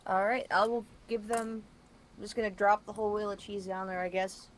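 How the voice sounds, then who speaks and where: A woman's voice: mid-range voice, steady tone, brisk. A woman playing a tabletop game, playful and teasing in casual chat. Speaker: player.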